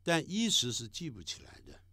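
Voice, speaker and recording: A middle-aged man teaching English vowel sounds, speaking slowly and deliberately and drawing out each sample sound. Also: medium pitch, wildly swooping pitch, gravelly, bright, forceful tone, husky, dry recording, studio quality. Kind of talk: recorded classroom lesson.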